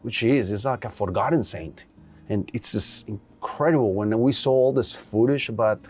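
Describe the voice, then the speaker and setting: A man's voice: lowish voice, normal speed, a little mellow, husky. A man in a casual interview, earnestly telling stories about making a film. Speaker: film director guest.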